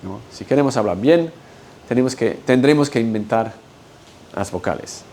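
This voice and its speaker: Man, Spanish, lecture delivery, mid-pitched voice, keeps checking listeners follow. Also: moderate pace, darkish tone, a little hiss or hum. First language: English. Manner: explains patiently, checks in with "¿no?" and "¿ok?". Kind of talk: university-style lecture. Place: lecture hall.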